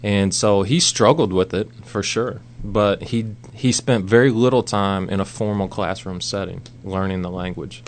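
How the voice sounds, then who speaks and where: A missionary, an American man of about forty, appears as a guest in a radio interview and speaks casually. His lowish voice moves at a normal speed with hardly any pauses, over background noise and hum.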